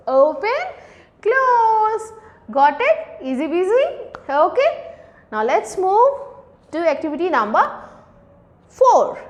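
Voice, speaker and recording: A woman with an Indian accent giving a hands-on tutorial for parents, animated, asking and answering her own questions. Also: sits high. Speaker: teacher.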